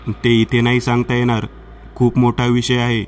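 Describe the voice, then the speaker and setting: A man's voice: mid-range voice, monotone, normal speed, slight background noise, natural voice. Man doing Shailesh, a possessed young man. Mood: urging. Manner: hushed, pleading urging. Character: possessed young man luring his friend.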